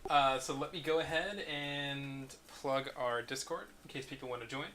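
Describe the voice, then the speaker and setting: Over a bright but noisy voice-call mic, a man runs an online group script discussion as its table-read host. He keeps it casual and conversational, with a steady, medium-pitched tone at a moderate pace.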